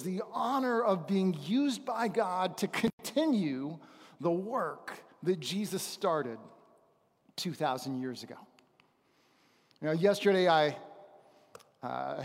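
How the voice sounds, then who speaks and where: Speaking in a high voice, a middle-aged man who is a visiting preacher and missionary trainer delivers a testimony sermon to a congregation. His style is halting and conversational, with pauses for emphasis, and the recording carries the reverberation of the large auditorium where he stands on stage.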